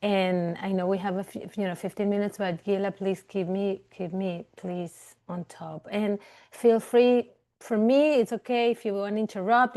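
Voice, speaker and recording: Speaking in a mid-range, slightly mellow voice, a woman from Venezuela gives a webinar presentation on a video call. She's a clinical psychologist, and her talk rambles casually with plenty of fillers and restarts.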